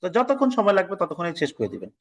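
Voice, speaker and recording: A man's voice: high-pitched, huge pitch swings, low-quality recording. A man from Bangladesh teaching an online test-prep class. He lectures casually, mixes English words into his talk, and scolds his students now and then. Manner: reads practice passages aloud slowly and deliberately.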